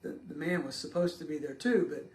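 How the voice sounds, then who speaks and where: A man leading a casual Bible study discussion, speaking slowly and haltingly with many pauses and fillers. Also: fairly high pitch, a little mellow. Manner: slow and halting, many ums. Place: church room. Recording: echoey room with faint noise.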